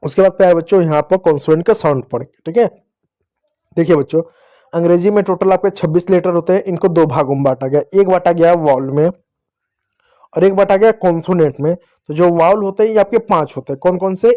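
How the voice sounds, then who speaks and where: A man's voice: high-pitched, dark tone. A man teaching English phonics to children, patiently asking the class questions and answering them. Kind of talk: explaining to children.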